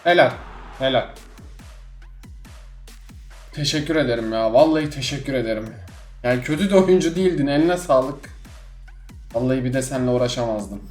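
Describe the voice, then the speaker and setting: A young man giving live gameplay commentary, exasperated and swinging between loud outbursts and low grumbling. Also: normal speed, long pauses. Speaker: gaming streamer. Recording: echoey room with game music behind.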